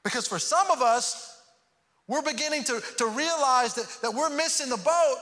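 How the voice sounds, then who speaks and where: Preaching at a normal speed, a pastor from Houston, Texas speaks with an extremely high, bright, forceful voice. His earnest delivery includes repeated words at the start of thoughts, all captured with long hall reverb.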